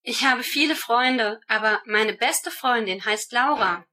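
A woman works through prepared speaking-exam answers in a steady, measured recital. Her voice sits a touch high and sounds bright and clear. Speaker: student answering exam questions.

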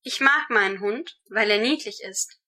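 A woman giving rehearsed answers to German speaking-exam questions in a steady, measured way. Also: mid-range voice.

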